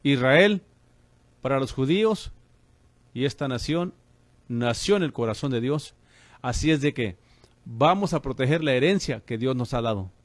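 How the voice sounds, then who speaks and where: A man's voice: medium pitch, animated, moderate pace, long pauses, no echo. A man preaching on the radio as a pastor and host, fervent and calling listeners brother.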